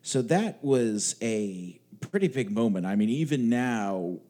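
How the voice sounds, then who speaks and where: A man's voice: medium pitch, lively intonation, a little slow, warm tone. A man co-hosting a podcast, chatting casually in a wry, rambling way with some swearing. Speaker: podcast co-host. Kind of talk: casual chat.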